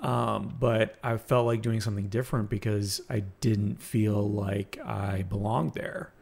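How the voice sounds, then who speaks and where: Gravelly man telling a story. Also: on the low side, steady tone, darkish tone. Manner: reflective, halting with restarts. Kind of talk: casual conversation, personal storytelling.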